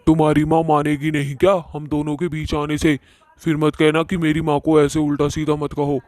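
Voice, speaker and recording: A man's voice: fairly high pitch, monotone, normal speed, darkish tone, dry recording, natural voice. A man voicing a bossy, short-tempered ghost boyfriend in a cartoon who complains and threatens.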